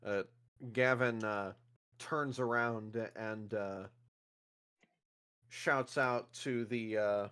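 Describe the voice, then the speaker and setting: A man's voice: fairly low pitch, steady tone, drawn-out words, pauses often, a bit bright, clear, resonant tone. A man playing a tabletop game, improvising his character's actions in a hesitant, stammering way as he searches for words. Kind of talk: improvised tabletop role-play.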